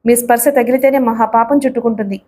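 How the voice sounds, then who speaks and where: A woman's voice: fairly high pitch, fairly even intonation, fast, dark tone, lightly acted. A woman voicing a hurt, angry wife who speaks sharply and scornfully to her husband. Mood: bitter. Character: wounded angry wife, bitter and accusing.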